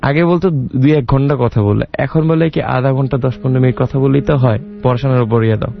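A man's voice: mid-range voice, fairly even intonation, brisk, creaky, dull audio. A young man telling a long personal story in a rambling way, acting out the dialogue as he goes. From Bangladesh. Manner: rambling, with many restarts and quoted dialogue.

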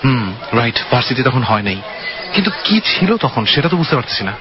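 A man's voice: medium pitch, lively intonation, fairly quick, crowd noise, close to an everyday voice. An actor playing a decisive young male student who leads his friends in an audio drama mystery. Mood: secretive, determined. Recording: muffled lo-fi, loud music behind.

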